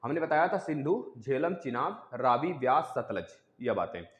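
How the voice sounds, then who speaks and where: A man's voice: mid-range voice, sing-song, normal speed, dull audio. A man giving an exam-prep geography lecture, repeating key terms and quizzing the students as he goes. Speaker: teacher. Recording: echoey room with long reverb.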